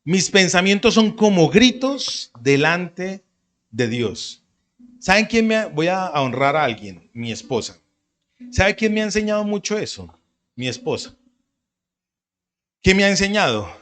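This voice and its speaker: A man preaching a sermon as pastor, with animated, conversational delivery and acted-out quotes. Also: sits high, a little slow, long pauses.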